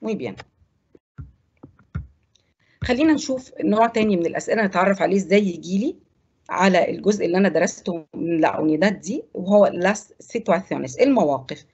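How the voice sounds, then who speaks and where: A woman with an Egyptian Arabic accent teaches a televised Spanish class. Her voice is slightly husky, and she walks through the rules step by step, repeating words slowly. The broadcast sound is dull and lo-fi. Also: lowish voice, animated, darkish tone.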